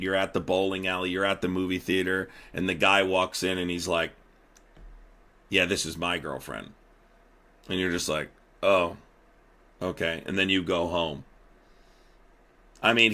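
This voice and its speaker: A man's voice: sits low, bright, forceful tone. A young man hosting a live stream, riffing profanely and animatedly, laughing as he talks. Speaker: streamer host. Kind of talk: casual live-stream commentary.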